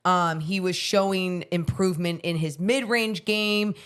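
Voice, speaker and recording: A woman's voice: lowish voice, steady tone, measured pace, smooth. A woman co-hosting a casual basketball podcast, thoughtfully breaking down a player's shooting and potential. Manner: thoughtful, analytical. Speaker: podcast co-host. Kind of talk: casual sports chat.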